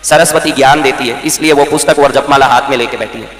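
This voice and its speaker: A man's voice: mid-range voice, fairly even intonation, quick pace, fairly bright tone. A man preaching a sermon to a live audience, firing rhetorical questions at them and ordering them to respond. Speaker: spiritual preacher. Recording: echoey hall reverb.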